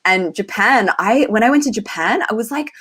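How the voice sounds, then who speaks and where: A woman's voice: on the high side, lively intonation, fairly quick, fairly bright tone, slightly rough. A woman with an Australian accent hosting a casual livestream chat, talking with lots of "like" fillers. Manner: chatty, many "like" fillers. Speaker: host.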